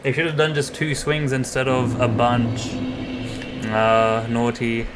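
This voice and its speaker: A man's voice: mid-range voice, level tone, slow pace, noisy background. A man streaming a game, chatting casually and joking as he plays. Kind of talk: casual gameplay commentary.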